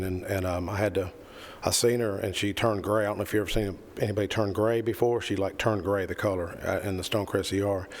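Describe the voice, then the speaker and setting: A middle-aged man giving an earnest, rambling speech at a committee meeting, repeating phrases for emphasis. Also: on the low side. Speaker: committee member. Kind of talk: impassioned speech at a public meeting. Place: county committee meeting room.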